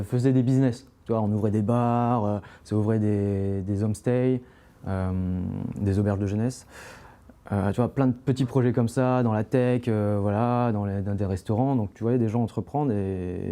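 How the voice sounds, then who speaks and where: Dark-voiced young man, rambling. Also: on the low side, steady tone, moderate pace. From France. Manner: rambling, many "euh" fillers and restarts. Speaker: interview guest, climbing brand founder. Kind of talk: casual podcast conversation.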